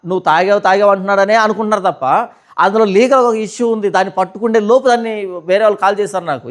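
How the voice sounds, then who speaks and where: A man, a pastor answering questions in a heated session. He argues forcefully and keeps throwing rhetorical questions back at his listeners. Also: high voice. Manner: argumentative, fires rhetorical questions.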